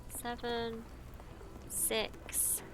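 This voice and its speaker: A woman's voice: on the high side, monotone, very slow, noisy background. A woman streaming a detective game, chatting casually and muttering to herself as she plays. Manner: chatty, muttering, swears under her breath. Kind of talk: casual gameplay commentary.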